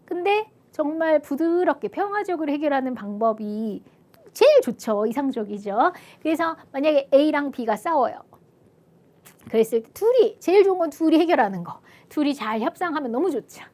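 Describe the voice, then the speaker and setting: A woman with a bright, high voice gives an exam review lecture as an ethics teacher. She talks in a friendly, chatty way, keeps checking in with listeners, and slips into quick acted-out voices for examples. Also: expressive. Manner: chatty, asks "그쵸?" often, acts out little quoted voices.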